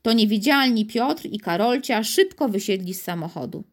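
A woman reads a children's storybook aloud with an expressive, animated voice. Her pitch moves freely while the pacing stays measured and clear. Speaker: narrator. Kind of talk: storybook reading.

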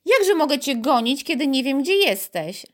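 A woman's voice: sits high, very animated, moderate pace, voice pushed up. A woman doing a doubting young boy. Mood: agitated. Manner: skeptical, mocking, easily riled.

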